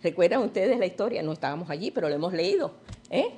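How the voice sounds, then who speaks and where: A woman's voice: lowish voice, lively intonation, fast, dark tone. A woman teaching a Bible study sermon, retelling stories and asking her listeners questions.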